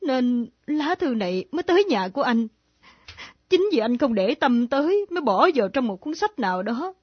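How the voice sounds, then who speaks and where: A husky, fairly high voice of a grieving widow in her thirties, pleading and confessing in a radio drama. The old recording is dull and dry. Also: sing-song, normal speed, no room sound, heavily acted. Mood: remorseful. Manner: earnest, pleading, tearful confession. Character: grieving widow secretly in love, remorseful.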